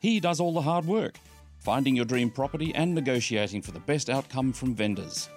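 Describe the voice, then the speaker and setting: A man's voice: mid-range voice, lively intonation, a little fast. A man voicing a salesy scripted radio ad, firing off punchy questions. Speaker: ad voice-over. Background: music.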